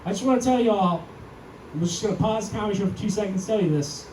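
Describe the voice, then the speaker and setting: High-voiced young comedian in an echoey club. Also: male voice, quick pace. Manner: deadpan, self-deprecating, acts out quotes in a raised voice. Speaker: stand-up comedian. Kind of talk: stand-up comedy set. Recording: echoey club, mic heard from far, audience noise.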